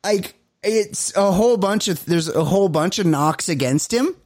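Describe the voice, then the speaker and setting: A man's voice: sits high, expressive, moderate pace, darkish tone, no echo, studio quality. A man co-hosting a podcast, talking loosely and chattily, with lots of "like". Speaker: podcast co-host. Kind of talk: casual chat.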